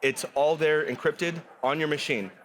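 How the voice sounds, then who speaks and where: A man guest explaining a software product in an upbeat, explanatory way, with some restarts. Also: on the high side, moderate pace, slight background noise. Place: conference studio set.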